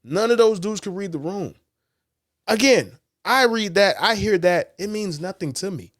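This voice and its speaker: A man co-hosts a sports podcast in loose, casual talk, blunt and often profane, acting out the quotes he reads. His voice sits a little high. The sound is dry and close to the mic. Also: expressive, moderate pace, a bit bright, no room sound. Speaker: podcast co-host.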